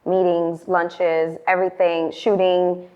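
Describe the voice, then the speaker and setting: A woman's voice: lowish voice, level tone, takes it slowly. Chatty New woman, dull lo-fi. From the Bronx, New York. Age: late 20s. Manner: chatty, frequent "like" fillers. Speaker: podcast guest. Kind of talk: casual interview chat. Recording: dull lo-fi sound.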